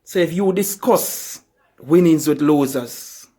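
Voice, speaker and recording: A man delivering a motivational speech in a somewhat higher register. He hammers his points home with repeated rhetorical questions and leans slowly on the words that matter. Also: dark tone. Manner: emphatic, repetitive rhetorical questions. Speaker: motivational speaker.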